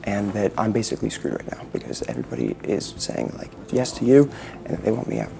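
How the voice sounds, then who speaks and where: A man's voice: on the low side, sing-song, fast talker, gravelly, warm tone. A man in a reality game confronting another player with direct, pressing questions. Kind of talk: tense strategy conversation.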